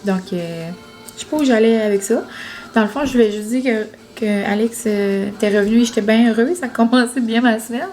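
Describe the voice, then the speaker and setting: Young woman, Quebec French accent, slightly high voice, rambling vlog chat, lots of fillers. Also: fairly quick, darkish tone, faint music behind. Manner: rambling, full of fillers and restarts. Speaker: vlogger. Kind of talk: casual chat to camera.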